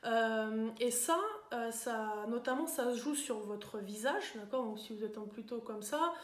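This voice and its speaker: A woman's voice: on the high side, measured pace. Chatty woman coach in echoey room. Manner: chatty, with many fillers and tag questions. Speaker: coach giving self-improvement advice. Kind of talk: live talk to viewers.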